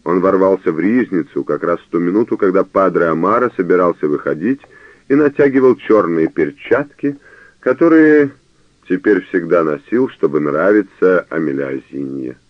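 A man giving a measured, dramatic scripted narration of a novel, on a narrow phone-like radio recording. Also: low voice, expressive, dry recording.

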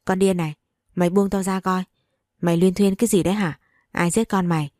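A woman voicing a cruel, spiteful young nurse who hurls insults in a quick, contemptuous stream. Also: lowish voice, steady tone, dark tone, no room sound, clean studio sound, natural voice. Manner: foul-mouthed, contemptuous, fast.

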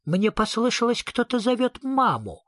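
A man voicing a calm, gentle mother troll in a storybook. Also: extremely high pitch, normal speed, no room sound, clean studio sound, pitched above the performer's own voice, full character voice.

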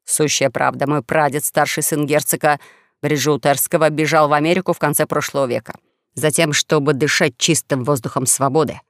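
A man's voice: on the high side, fairly even intonation, fairly quick, a bit bright, no room sound, studio quality, pitched below the performer's own voice. A man voicing a young con-man who plays a wronged duke, mournful and grandiose. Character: young male con-man posing as a tragic duke, self-pitying.

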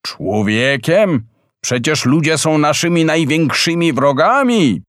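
A man voicing a huge old male whale in a storybook reading, speaking slowly and weightily. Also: medium pitch, expressive, dry recording, clean studio sound. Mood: solemn.

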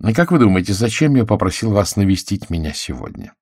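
A man voicing a shrewd, courteous middle-aged detective who questions in a gentle, self-assured way, in an audiobook. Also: on the low side, sing-song, quick pace, no echo, studio quality, pitched above the performer's own voice. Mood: probing. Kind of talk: audiobook character voice.

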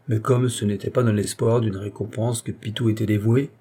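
A man reading a classic novel aloud as an audiobook narrator, steady and expressive. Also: lowish voice, a little fast, husky.

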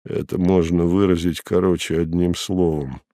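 A man's voice: deep voice, moderate pace, no echo, studio quality, pitched below the performer's own voice. A man reading an audiobook and voicing a weary, ailing male Roman procurator who questions coldly in a dull voice. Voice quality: dull, flat voice. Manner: quiet, cold interrogation.

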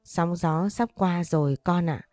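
Woman doing a dead old dad's spirit, soft and grieving, low mellow voice, story audio. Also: measured pace, no echo, studio quality, soft background music, lightly acted. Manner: pleading, fatherly. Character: dead father, older man, tender and grieving.

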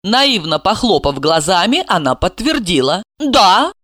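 A woman reading audiobook narration in a theatrical, expressive way. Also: on the low side, normal speed, no echo, clean studio sound.

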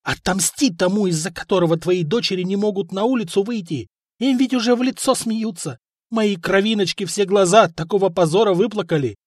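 A man's voice: a little fast, darkish tone, no room sound, clean studio sound. A man voicing a spiteful, scheming middle-aged wife of a chieftain who scolds and mocks her husband. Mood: vengeful. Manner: shrill, scolding, mocking. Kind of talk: audiobook character voice.

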